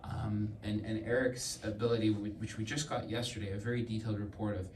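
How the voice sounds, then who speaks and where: A man speaking as a politician answering a question at a public event, earnest and halting, often repeating words. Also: lowish voice, little pitch movement, a little mellow. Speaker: provincial government politician. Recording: echoey room, distant mic, faint noise.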